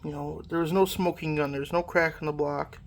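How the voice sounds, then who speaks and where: A repair channel host, stuffed up from a cold that's lingered, moves through a casual mower engine repair in a workshop. Their mid-range voice is steady and a bit fast, and they ramble, correct themselves, and lean on fillers.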